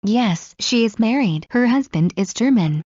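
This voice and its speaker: A woman reading scripted English practice dialogues in a slow, clear drill delivery. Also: on the high side, expressive, darkish tone, no echo. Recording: muffled lo-fi recording.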